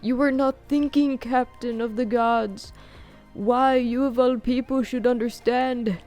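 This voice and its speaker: A woman voicing an excitable, frail old male scholar who lectures eagerly, her voice pitched well above her own. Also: measured pace, faint music behind, natural voice. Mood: eager lecturing.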